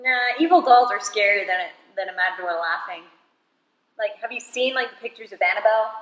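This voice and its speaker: Giggly young woman hosting a game night at home, bright high voice, roomy far-off sound. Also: lively intonation, a little fast, muffled recording. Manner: giggly, rambling, bubbly. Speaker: host of a card game video. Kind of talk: casual chat explaining a game. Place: home living room. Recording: echoey room, mic at a distance.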